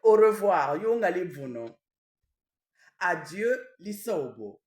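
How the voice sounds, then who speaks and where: A woman in the role of a traditional queen gives a language lesson. She repeats each word slowly and often tags her phrases with a questioning "hein?". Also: fairly low pitch, sing-song, a little mellow. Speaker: traditional queen teaching vocabulary. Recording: echoey room, mic at a distance.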